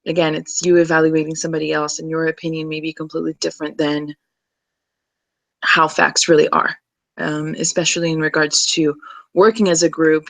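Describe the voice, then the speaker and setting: Introducing herself to a class on video, a woman in her thirties who comes from Brazil speaks casually, peppered with ums and restarts. Her low voice is creaky and a bit bright, and the rough recording carries no room sound.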